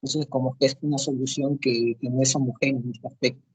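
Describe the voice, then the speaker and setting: A man's voice: medium pitch, little pitch movement, fast, no echo. A man presenting a class lesson over a video call, hesitant with many fillers and restarts. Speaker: medical student presenting. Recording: dull, dry, husky online call audio.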